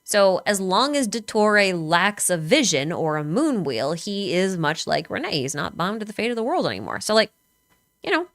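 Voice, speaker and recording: A woman's voice: mid-range voice, big pitch swings, normal speed, fairly bright tone, no echo. A woman streamer in casual chat, talking speculatively with many filler words.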